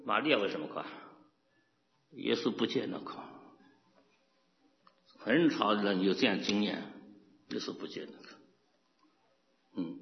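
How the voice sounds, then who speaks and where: A man preaches a sermon with lively swings in pitch, often throwing questions at his listeners and breaking into laughter. His fairly high voice rings through a long hall reverb. The recording sounds dull and lo-fi. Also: a little slow, long pauses. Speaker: pastor.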